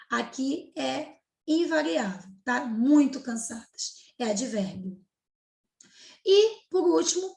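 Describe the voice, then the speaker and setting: A woman's voice: sits high, gravelly. A woman with a Brazilian accent, a Portuguese teacher explaining grammar step by step and checking in often with her class. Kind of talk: recorded grammar lesson for 7th grade. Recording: echoey room.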